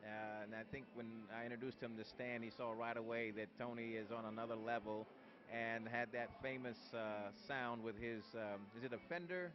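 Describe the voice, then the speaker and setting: A man's voice: mid-range voice, steady tone, normal speed. A man answering interview questions at an event, hesitant with many fillers. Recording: muffled lo-fi video sound.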